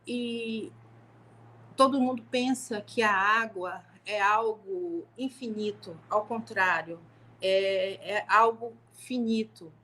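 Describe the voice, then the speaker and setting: A middle-aged woman from Rio de Janeiro with a carioca accent softened by years in Manaus, a law professor telling her story in a conversational live stream with many fillers and restarts. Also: mid-range voice, slow pace, a little hiss or hum. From Rio de Janeiro, Brazil. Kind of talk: live-stream talk, personal testimony. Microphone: home live stream.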